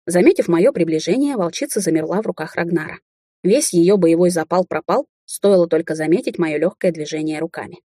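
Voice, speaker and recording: A woman reads a first-person audiobook with a wry, sardonic edge. Her voice is low and mellow with a husky grain, recorded close and dry with no room sound. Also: a little fast, dry recording. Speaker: audiobook narrator.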